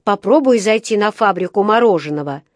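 A woman reading a storybook aloud, voicing an unfriendly male factory gatekeeper who talks in a loud, mocking way. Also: mid-range voice, expressive, fairly quick, dry recording, clean studio sound, natural voice. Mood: sneering. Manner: sneering, loud, teasing.

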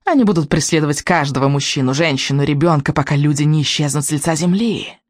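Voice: mid-range voice, fast talker, no echo, studio quality, lightly acted. A reader voicing a spiteful, lying old witch with a crackling, hissing voice in an audiobook. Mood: ominous. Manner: hissing, theatrical. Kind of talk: audiobook reading.

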